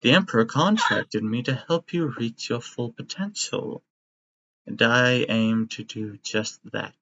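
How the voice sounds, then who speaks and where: A man doing a quiet, sinister bird-skulled doctor. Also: medium pitch, slight background noise. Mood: cold, menacing. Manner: quiet, slow and menacing. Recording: dry, slightly muffled audio.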